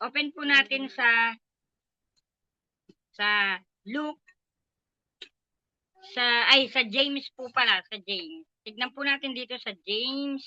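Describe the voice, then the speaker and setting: A woman's voice: a little high, bright, forceful tone, no room sound, lo-fi sound. An older woman with a Filipino accent, giving an earnest, emotional personal testimony at a prayer meeting. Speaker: church member giving testimony.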